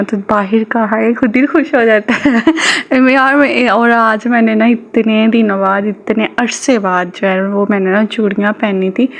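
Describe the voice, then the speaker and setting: A young woman with a Punjabi accent, vlogging in a chatty, giggly, rambling way with lots of fillers. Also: a little high. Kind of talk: casual chat to camera. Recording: dull lo-fi sound.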